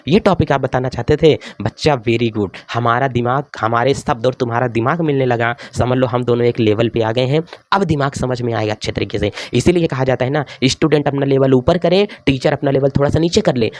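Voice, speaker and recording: A man's voice: a little high, a little mellow, no room sound. A man with a north Indian Hindi accent teaching a chemistry class at the board, chatty and coaxing, often repeating his questions to the students.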